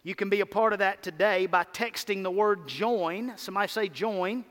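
A male pastor with a Mississippi drawl delivers a sermon in a high-pitched voice. He is emphatic, repeating key phrases and pausing deliberately, and his words ring with the long reverb of a big hall. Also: a bit bright. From Mississippi, United States. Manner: emphatic, repetitive, with deliberate pauses and call-and-response. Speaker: pastor preaching. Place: large church hall, preaching to a congregation.

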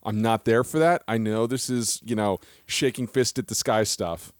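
A man co-hosting a podcast in casual chat, animated and quick to laugh at himself. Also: on the low side, no echo, studio quality. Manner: animated, laughs often, self-deprecating. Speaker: podcast co-host.

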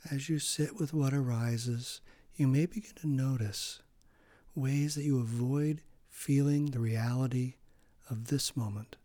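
A man leading a guided meditation in a calm, gentle way, his phrases often trailing off into a soft breathy hush. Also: mid-range voice, unhurried, no room sound.

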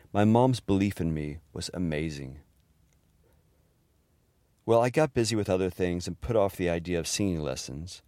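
A middle-aged man fondly narrating humorous family memories in a gentle storytelling manner. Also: low-pitched, no room sound. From Houston, Texas area. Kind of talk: personal memoir narration.

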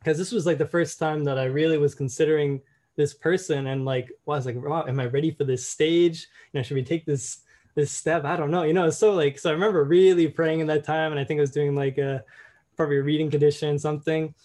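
Young man, higher pitch, casual reflective talk, frequent fillers. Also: fairly even intonation, fast talker, a little mellow. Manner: reflective, many fillers like "you know". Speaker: storyteller.

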